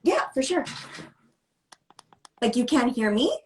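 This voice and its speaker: A woman's voice: sits high, wildly swooping pitch, slow, slight background noise. Muffled, echoey woman, as if through a wall. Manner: chatty, laughs often, self-deprecating. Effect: muffled, echoey sound, as if through a wall. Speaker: co-host of a live video chat. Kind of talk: casual chat. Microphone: device mic on a video call. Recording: echoey muffled video call audio.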